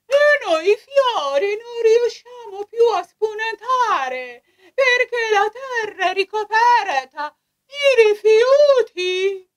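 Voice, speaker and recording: Shrill, wailing flower puppet. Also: female voice, sing-song, slow, exaggerated voice. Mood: distressed, pleading. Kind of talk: children's puppet show acting. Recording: music under the voice.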